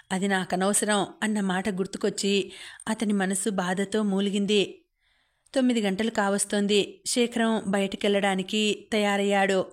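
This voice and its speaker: A woman reading a novel aloud as an audiobook narrator, in a calm, even storytelling manner. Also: medium pitch. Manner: calm, even storytelling, quoting characters without acting them.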